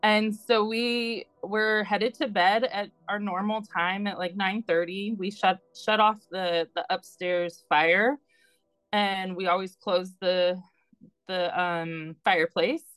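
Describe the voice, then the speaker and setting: A woman's voice: mid-range voice, steady tone, slow pace, a bit bright, clean tone, dry recording, poor audio. A woman from Southern California, a licensed midwife, telling a personal story in a chatty way with fillers, restarts and frequent laughs. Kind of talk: casual storytelling.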